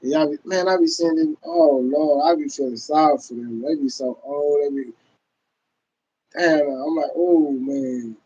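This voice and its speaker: A man, hosting a casual livestream rant. He talks loudly and profanely to his viewers, laughing often. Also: a little high, measured pace, breathy edge, muffled recording. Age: 30s. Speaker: livestream host.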